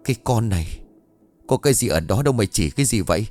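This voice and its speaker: A man voicing a weary older father in a spoken ghost story, gruff and scolding. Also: fairly low pitch, expressive, quick pace, a little mellow, soft background music, lightly acted. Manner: gruff and scolding, tired sighs. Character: weary older father holding the family together.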